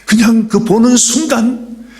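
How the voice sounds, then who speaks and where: A middle-aged man preaching a sermon as pastor, dramatic and swinging between loud calls and soft whispers. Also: extremely high pitch, slow.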